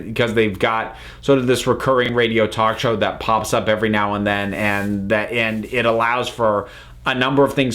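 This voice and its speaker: A man with a lowish, slightly bright voice gives an unscripted review as a channel host and commentator. He speaks analytically and frequently pauses to rephrase himself.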